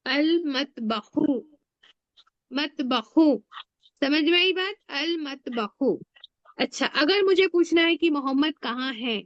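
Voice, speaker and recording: A woman's voice: sits high, a bit bright, no echo, lo-fi sound. A woman teaching Arabic grammar in an online class, patiently drilling words and asking her students questions. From India. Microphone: online class audio.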